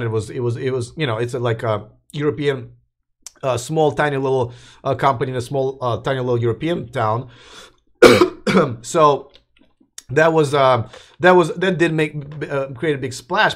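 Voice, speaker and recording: A man with a medium-pitched voice hosts a live stream about electric car news, chatting casually with viewers and responding to the live chat. He rambles and restarts his sentences, coughing repeatedly as his voice goes hoarse.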